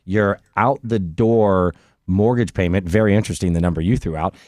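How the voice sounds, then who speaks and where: A man's voice: low voice, moderate pace, a little mellow, dry recording, clean studio sound. A man from Tampa hosting a casual real estate chat, joking and walking through mortgage numbers. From Tampa, Florida. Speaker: podcast host, mortgage lender.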